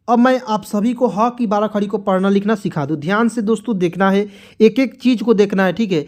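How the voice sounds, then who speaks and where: A man's voice: sits high, darkish tone. A man teaching the Hindi alphabet syllable by syllable, drawing each sound out and asking and answering his own questions. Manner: drawn-out recitation, often asks and answers his own questions; keeps checking in with the listener as he teaches. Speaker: Hindi teacher and channel host.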